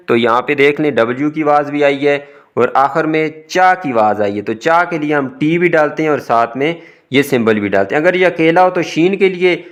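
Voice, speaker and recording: Patient Pakistani male English tutor. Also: on the high side. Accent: Pakistani Urdu. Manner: patient, explains step by step, walks through word lists. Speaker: English teacher. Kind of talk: recorded exam-prep lesson.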